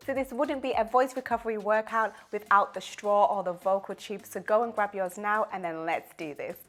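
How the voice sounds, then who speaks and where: A woman vocal coach leading a guided warm-up, chatty at first and then giving calm, unhurried, soothing cues. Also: mid-range voice. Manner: upbeat, chatty introduction. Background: piano accompaniment.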